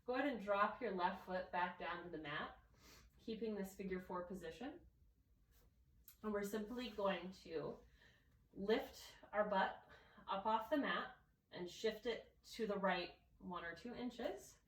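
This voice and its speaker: A woman with a nasal voice from allergies, calmly guiding a yoga class step by step. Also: mid-range voice, measured pace, roomy sound, distant mic, poor audio. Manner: calm, gentle step-by-step cueing. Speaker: yoga instructor. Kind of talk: guided yoga class instruction.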